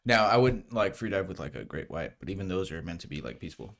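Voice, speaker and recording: A man's voice: deep voice, lively intonation, fast, gravelly, fairly bright tone. A young man talking informally as a podcast co-host, close to a table microphone in a small studio. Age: young adult. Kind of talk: casual chat. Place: small indoor studio with padded walls.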